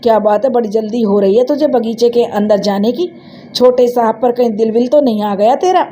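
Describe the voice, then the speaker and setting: A woman's voice: fairly high pitch, fairly quick, warm tone, natural voice. A woman voicing a mischievous teenage village girl who talks in a teasing, complaining way.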